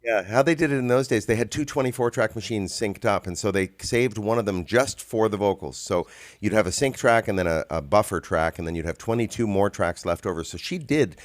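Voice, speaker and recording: Male songwriter co-host, low voice, rambling and chatty, dry close sound. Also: brisk, no echo. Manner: rambling storyteller, many ums and restarts. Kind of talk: casual conversation.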